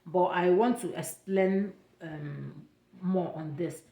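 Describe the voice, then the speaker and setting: In a reverberant space, a young woman from Nigeria speaks slowly in a lowish, dark voice with an Igbo accent. She chats through travel tips for her casual vlog, repeating her points and slipping in bits of pidgin.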